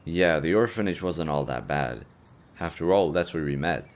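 With an extremely low pitch, a man voices a carefree young half-demon adventurer talking casually to a best friend. His delivery is expressive and moderately paced. The intimate audio roleplay has a relaxed, teasing, chatty feel.

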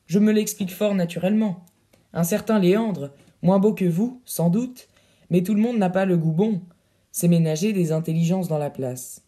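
A sly, mocking valet, as a man voices him in an audiobook. His voice is high but dark and mellow. Every remark is wry. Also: normal speed, lightly acted. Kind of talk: audiobook reading.

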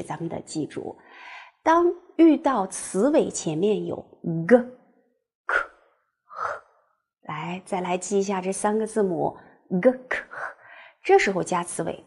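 A woman's voice: mid-range voice, sing-song, measured pace, a little mellow, husky. A woman teacher explaining grammar patiently in an online lesson, leading the class through drills when speaking other languages. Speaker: Russian teacher.

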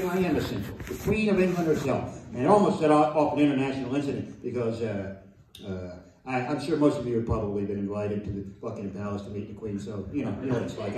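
A man's voice: mid-range voice, noisy background. Sardonic American man doing stand-up. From United States. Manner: deadpan, sardonic, profane rants. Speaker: stand-up comedian. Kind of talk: stand-up comedy routine. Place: live comedy venue with audience laughter. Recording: echoey distant venue recording.

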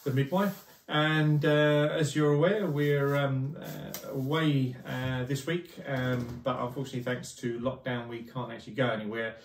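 A man's voice: medium pitch, fairly even intonation, normal speed, few pauses. A man hosting a casual home video, joking and rambling with many fillers in his living room. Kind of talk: casual chat to camera. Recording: roomy echo, mic at a distance.

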